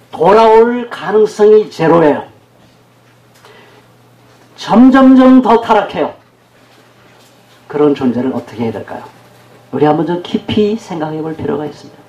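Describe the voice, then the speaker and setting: A man's voice: on the high side, mellow, dull audio. A man preaching a sermon as pastor, talking with the congregation and asking them questions. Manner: conversational, questions the congregation, acts out quoted speech. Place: church sanctuary. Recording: echoey church hall.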